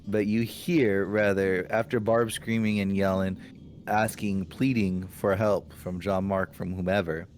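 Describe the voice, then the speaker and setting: A man narrating as game master of a tabletop role-playing session, chatty and quick. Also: deep voice, fairly even intonation, a little mellow, faint music behind.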